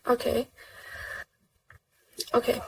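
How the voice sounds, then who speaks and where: A woman giving a prepared academic presentation over a video call, with a halting, deliberate delivery. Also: dry recording. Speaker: conference presenter. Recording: distant mic on video call.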